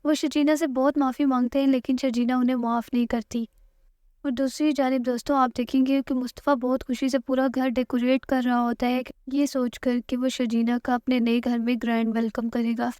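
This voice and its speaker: A woman narrating a TV drama recap in a steady storytelling read from a script, addressing viewers directly. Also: high-pitched, dry recording, clean studio sound.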